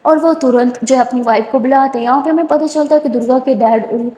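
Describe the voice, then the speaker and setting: High-voiced woman telling a story. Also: warm tone, slight background noise. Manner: chatty, filler-heavy retelling. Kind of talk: casual story narration. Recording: roomy echo.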